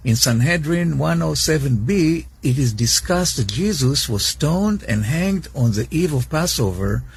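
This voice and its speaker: A man from Israel giving a prepared monologue in a played video clip, measured and reading out passages. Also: on the high side, expressive, creaky, breathy edge.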